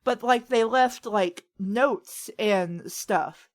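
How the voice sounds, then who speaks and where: Hosting a writing advice talk, a woman with a higher-pitched voice speaks extremely slowly. She gives advice in a casual, rambling, conversational chat and often acts out what other people say.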